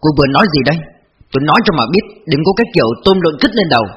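A man's voice: on the high side, sing-song, rapid-fire, a bit bright, slight background noise. A man as a blunt, hot-tempered husband. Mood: angry. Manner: blunt and stern. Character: hot-tempered village husband, grown son. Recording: dull lo-fi audio with faint music.

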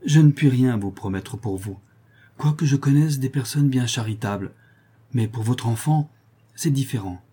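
A man voicing a gentle, kind young girl who speaks softly and consolingly. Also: mid-range voice, moderate pace, husky, lightly acted. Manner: soft, consoling.

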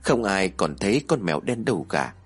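A man narrating a horror story in an expressive, dramatic storytelling manner. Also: sits low, brisk, breathy edge.

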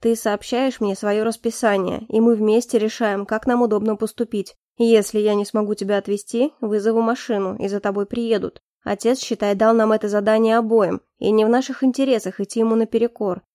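Stern young guy read by a woman, short flat replies, kinda ironic, dry close sound. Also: fairly quick, few pauses, no room sound. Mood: firm. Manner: clipped, firm, low-key. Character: stern young man, calm, dryly ironic.

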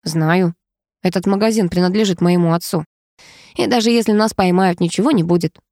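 A woman voicing a cheeky, calm young man who teases his companion, in an audiobook reading. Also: on the low side, fairly quick, dry recording, clean studio sound, lightly acted. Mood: calm teasing.

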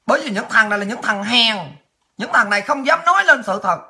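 A woman's voice: on the high side, lively intonation, a little fast, bright, forceful tone. A woman hosting a political livestream, ranting angrily and taunting her critics with profanity. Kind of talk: angry ranting monologue.

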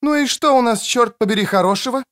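A man's voice: very high voice, fast talker, a bit bright, dry recording, clean studio sound, voice pushed up. A man voicing a brash, sarcastic woman doctor who swears and mocks. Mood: mocking. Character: brash mocking older woman doctor, Kretsia.

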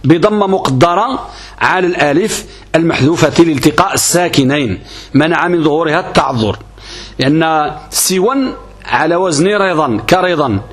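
A man's voice: fairly high pitch, animated, normal speed. A man gives a grammar lesson on a classical text. He is methodical, putting questions to his class and answering them himself. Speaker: religious teacher.

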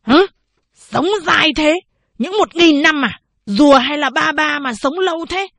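A woman voicing a bullying older male town chief in an audiobook, gruff and scolding. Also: fairly high pitch, takes it slowly, dry recording, full character voice.

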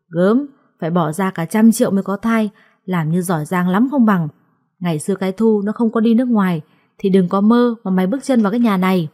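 A woman voicing a sharp-tongued sister-in-law who mocks and scolds loudly, in a storybook reading, with a mellow voice. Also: mid-range voice, lightly acted. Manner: loud, mocking, contemptuous.

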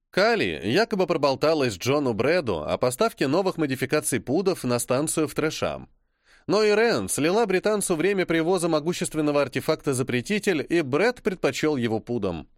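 A man reads a first-person novel in a calm, measured way. His fairly high voice moves lively through the lines. The recording is close and dry. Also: no room sound. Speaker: audiobook narrator.

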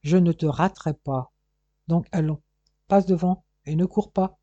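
A man voicing a calm, unflappable male police detective who speaks placidly but firmly, with a dull, lo-fi, dry recording. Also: a little high, measured pace, no room sound. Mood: threatening. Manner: placid, firm, threatening.

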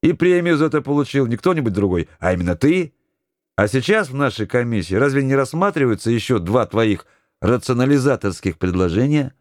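A man voicing a confident young sailor who speaks in a measured, ironic, firm way. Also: medium pitch, very animated, dry recording, studio quality, pitched above the performer's own voice, close to an everyday voice.

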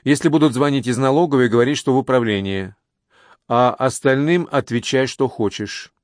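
A man's voice: medium pitch, normal speed, no echo, clean studio sound, natural voice. A man voicing a harsh, bossy middle-aged woman director who barks curt threats. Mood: barking.

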